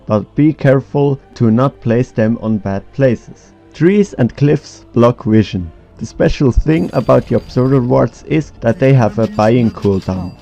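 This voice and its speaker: A man delivers scripted explainer narration in a dark, mellow voice with a gravelly creak. The recording is dull and lo-fi, with faint music underneath. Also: medium pitch. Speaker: documentary narrator.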